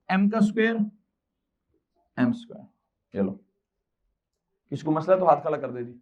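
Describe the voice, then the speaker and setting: A man's voice: high voice, a little mellow. Questioning male physics teacher, lo-fi. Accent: Pakistani Urdu. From Pakistan. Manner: quizzing students with repeated questions, mixing in English. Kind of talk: classroom lecture.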